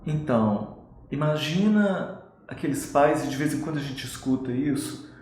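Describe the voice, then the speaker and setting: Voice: medium pitch, moderate pace, a little mellow, slight background noise. A co-host on a parenting live stream, adding reflective remarks. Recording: very echoey room.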